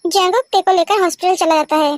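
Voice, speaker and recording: A woman narrating a homemade fan love story in a plain, even reading voice. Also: extremely high pitch, fast, no echo. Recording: dry close mic with soft background music.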